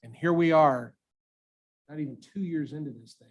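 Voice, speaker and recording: A man's voice: on the high side, normal speed, muffled recording, a little hiss or hum. A man, a school superintendent, speaking at a school board meeting in an enthusiastic, jokey manner.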